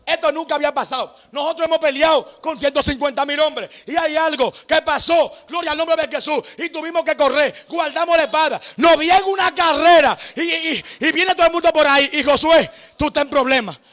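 A man preaching a sermon at a church service, telling a story in an animated way and shouting his emphatic lines. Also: very high-pitched, a little fast, few pauses. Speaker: evangelist preacher.

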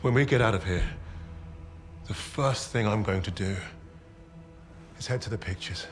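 An actor playing a composed, wistful Allied soldier held prisoner in a war video game. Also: male voice, fairly low pitch, moderate pace, natural voice. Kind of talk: dramatic video game acting. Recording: loud music behind the voice.

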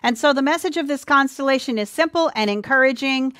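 A woman giving an earnest, sermon-style Bible teaching, speaking warmly to listeners as dear ones, with a few ums and restarts. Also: high voice, brisk, no room sound, clean studio sound. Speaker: presenter of a church teaching.

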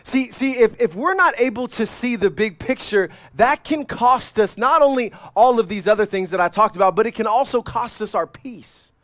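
A man preaching a sermon as pastor, animated, swinging between loud urgent lines and quiet low ones. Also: moderate pace, few pauses, no echo.

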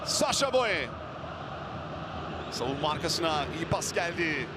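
A man giving live football play-by-play, excitable and screaming out goals and players' names. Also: on the high side, unhurried. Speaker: football match commentator. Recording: loud stadium crowd noise behind voice. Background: roaring football crowd.

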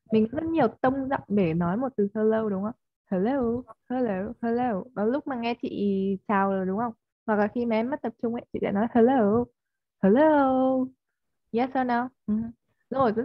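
A woman's voice: a little high, dry recording. Vietnamese-speaking woman tutor, coaxing, checking in often; dry, slightly dull call audio. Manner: coaxing, keeps checking with "yes or no?" and modelling stressed words. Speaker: online English teacher. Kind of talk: one-on-one online English lesson.

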